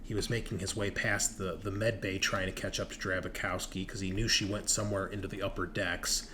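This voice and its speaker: Recapping a tabletop horror session as game master, this man speaks fairly quickly in a low, level voice, yet his storytelling stays dramatic and emphatic. Background noise is clearly audible.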